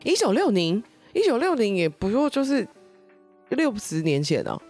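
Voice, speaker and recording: A woman's voice: a little high, very animated, normal speed, a little mellow, faint music behind. A woman with a Taiwanese accent co-hosting a casual chat, throwing in slangy, exclaiming reactions. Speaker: podcast co-host.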